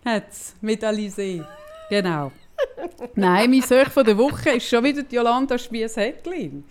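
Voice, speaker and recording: Animated Swiss German woman storyteller. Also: a little high, a little slow. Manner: animated storytelling, acting out both sides of a phone call. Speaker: podcast co-host. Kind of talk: casual chat.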